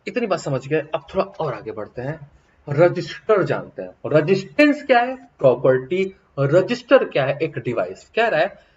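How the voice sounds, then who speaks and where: A male teacher giving a science lesson. He keeps asking questions and answering them himself, and he reads out English definitions slowly. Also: on the high side. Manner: repetitive question-and-answer explaining. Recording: dull lo-fi recording.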